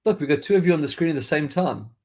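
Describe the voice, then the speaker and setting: A South African podcast host with a faded accent rambles through casual tech chat, restarting his sentences often. His voice is fairly high, a little mellow, and animated, and he talks very fast.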